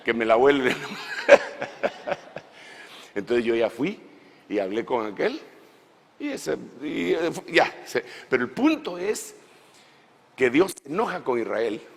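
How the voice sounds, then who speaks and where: A man preaching a sermon at a church conference in an animated way, swinging from shouts to low asides and calling his listeners brother. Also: takes it slowly, creaky, long pauses. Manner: folksy, addresses listeners as brother. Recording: long hall reverb in a church.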